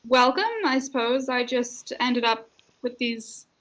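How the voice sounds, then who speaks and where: A woman playing her character in a tabletop game, speaking haltingly with many fillers. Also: a little high, little pitch movement, fairly bright tone. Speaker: player voicing her character. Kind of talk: in-character tabletop role-play. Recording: live-streamed voice chat.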